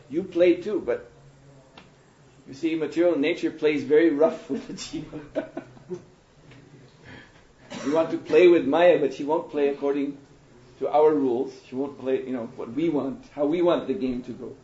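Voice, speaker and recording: A man giving a sermon to an audience, telling stories in an animated way, now and then laughing. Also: on the high side, moderate pace, long pauses. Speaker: monk lecturer. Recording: dull roomy lecture recording.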